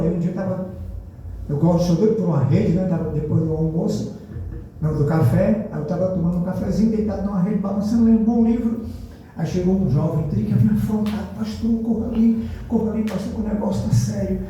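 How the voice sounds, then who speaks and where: A pastor preaching a sermon in a church, telling stories and acting out the people in them. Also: male voice, high-pitched, fast talker, highs cut off, a little hiss or hum. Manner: lively storytelling preacher, acts out dialogue. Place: large church hall. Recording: very echoey church from far off.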